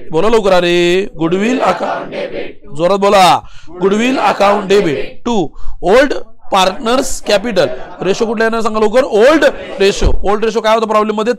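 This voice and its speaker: A man teaching commerce with a Marathi accent and a fairly high voice. He drills his students with rapid-fire questions, supplies the answers himself, and keeps pushing them to answer louder. He reads the problem text out slowly and mixes Marathi with English. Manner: urges students to answer loudly; switches between Marathi and English. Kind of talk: classroom accounting lesson.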